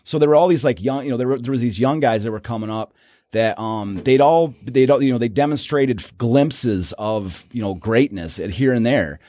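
Man, casual podcast co-host, rambling, mid pitch, dry close sound. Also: moderate pace, dark tone, no echo. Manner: rambling, many restarts and fillers. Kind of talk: casual sports history chat.

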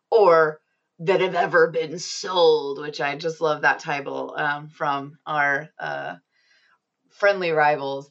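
A woman's voice: deep voice, a bit bright, muffled recording. A woman hosting a casual gaming podcast, chatty and upbeat with frequent ums. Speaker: podcast host.

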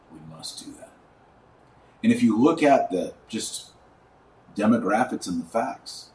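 In a lowish, slightly mellow voice, a man hosting a religious podcast offers earnest, preachy commentary, driving points home through repetition. He sounds distant and echoey because the wrong microphone picks him up across the room, with faint noise underneath.

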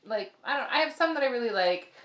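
A woman co-hosting a casual chat, animated, laughing often and swearing freely. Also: a little high, fast. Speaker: podcast co-host. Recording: roomy echo.

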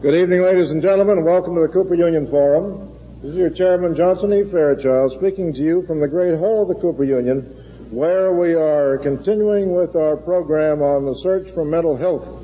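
Chairing a forum in a large lecture hall, a man gives a formal introduction sprinkled with dry joking asides, his fairly high, husky voice moving at a moderate pace. Faint music sits behind him, and the lo-fi archival recording carries a long, echoing hall reverb.

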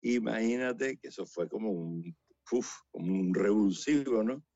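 Chatty low-voiced man. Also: unhurried, no echo. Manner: chatty and animated, laughing through anecdotes. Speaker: romancero performer. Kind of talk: casual interview storytelling. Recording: slightly dull, dry radio recording.

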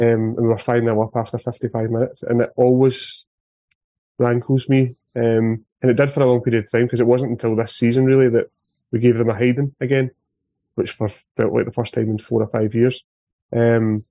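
Male Scottish podcast guest, relaxed dark tone, little pitch movement, casual football talk, dry lo-fi sound. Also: no room sound.

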